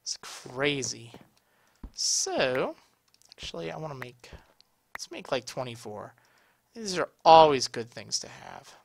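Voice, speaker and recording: A man's voice: mid-range voice, sing-song, slow, gravelly, long pauses. A man with a slightly strained, tired voice giving casual, explanatory video game tutorial commentary. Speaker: gaming video host.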